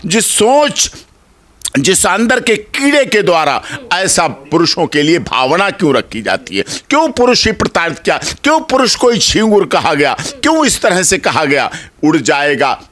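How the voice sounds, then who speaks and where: Impassioned male lawyer in an interview, fairly high voice, rhetorical and emphatic, swings up and down a lot. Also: fairly bright tone. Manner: impassioned, rhetorical, piles up repeated phrases. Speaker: senior advocate being interviewed. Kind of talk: heated interview answers.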